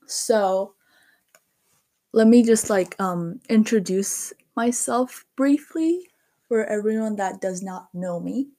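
A teenage girl from Korea hosts her first solo podcast, chatting in an unhurried way. Her voice is soft and mellow, and her talk is full of "um" and "like". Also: mid-range voice. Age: teens. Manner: chatty, lots of fillers like "um" and "like". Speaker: podcast host. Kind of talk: casual solo podcast monologue.

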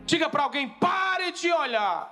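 High-voiced man preaching. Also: animated, a little slow. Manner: repetitive preaching cadence, rising to shouts. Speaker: pastor. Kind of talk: sermon. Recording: faint music behind the voice.

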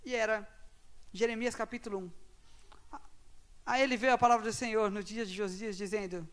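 A man telling a personal story to an audience, animated and swinging between loud bursts and quiet asides. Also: high-pitched, fairly quick, clear, resonant tone. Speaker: speaker at a talk.

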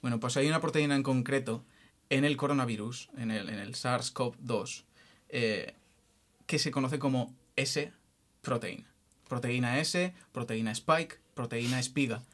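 A man's voice: medium pitch, unhurried, fairly bright tone. A man talks through a science topic on a casual podcast. He jokes along the way and stumbles into restarts as he explains. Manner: jokey, restarts often while explaining.

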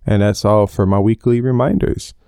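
A man's voice: on the low side, moderate pace, creaky, warm tone, clean tone, no echo, studio quality. A man in his twenties recording his podcast from under a blanket in his bedroom, chatting in a rambling, casual way and sweating from the heat. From Belize. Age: 20s. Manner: rambling, chatty, self-aware about going off topic. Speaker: podcast host. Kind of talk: casual solo podcast chat. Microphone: home podcast mic under a blanket.

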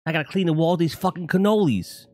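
A man voicing a loud, exasperated New York Italian guy in a put-on New York accent, ranting and swearing. The recording is dry. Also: on the high side, fast talker, dry recording, voice pushed up, natural voice.

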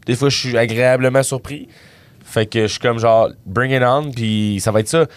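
Joking Quebec French comedian. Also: male voice, mid-range voice, fairly even intonation, normal speed, no room sound. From Quebec City, Canada. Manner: joking, self-deprecating, sprinkles English phrases. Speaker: comedian guest. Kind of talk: casual podcast chat.

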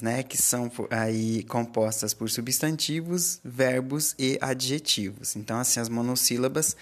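A teacher with a Brazilian Portuguese accent gives a recorded grammar lesson, explaining patiently and often checking in with the students. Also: mid-range voice.

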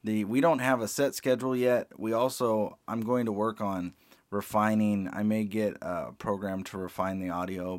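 A middle-aged man hosting a casual podcast, relaxed and rambling with plenty of fillers, into a close mic. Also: lowish voice, no echo. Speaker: podcast host.

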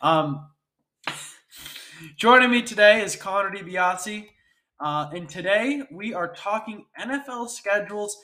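A man's voice: sits high, animated, takes it slowly, long pauses, bright, forceful tone. A man with a stuffy nose hosting a casual sports talk show, chatty and often checking for agreement. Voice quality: congested, stuffy-nosed. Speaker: podcast host.

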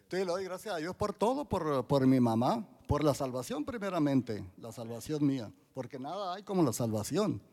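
An older man in his sixties speaks with a gravelly, creaky edge. His pitch sits somewhat high for a man, and he gives a church testimony haltingly, with frequent restarts and fillers. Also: very animated, a little mellow. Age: 60s. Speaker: church member giving testimony.

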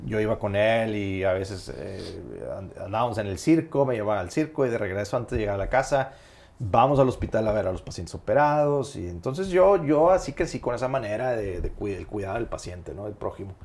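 Surgeon telling stories, filler-heavy. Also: male voice, on the low side, lively intonation, a little fast, a little mellow. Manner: rambling storyteller with frequent fillers. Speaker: surgeon guest. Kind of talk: casual podcast interview.

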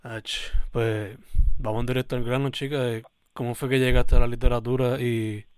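A man's voice: mid-range voice, flat delivery, normal speed, darkish tone, clear, resonant tone, no echo, clean studio sound. A man hosting a podcast, talking in a laid-back, slangy way. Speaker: podcast host. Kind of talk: casual podcast chat.

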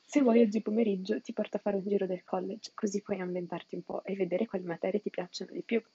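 A woman reading the lines of a friendly, smooth-talking young male college student. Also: high-pitched, steady tone, quick pace, dark tone, no room sound, dull audio.

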